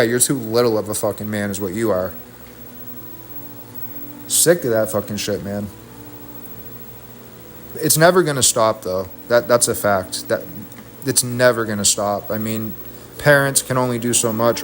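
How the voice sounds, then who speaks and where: Guy streaming at home going off on a swear-heavy rant, middle pitch, bit of background hum. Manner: heated, profane, rambling rant. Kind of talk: ranting stream talk.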